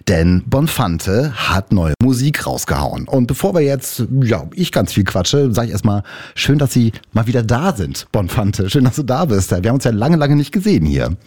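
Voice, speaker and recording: A man's voice: medium pitch, sing-song, normal speed, darkish tone, dry recording, clean studio sound. A man hosting a radio music interview in a chatty, playful way. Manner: chatty, playful, switches into English. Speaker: radio host.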